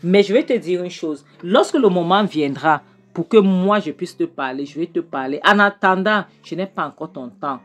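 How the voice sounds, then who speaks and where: A woman giving a casual spoken recap of a film, animated and often tagging "hein?" onto her lines. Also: fairly low pitch, moderate pace. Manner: animated, keeps adding "hein?" and re-enacts dialogue.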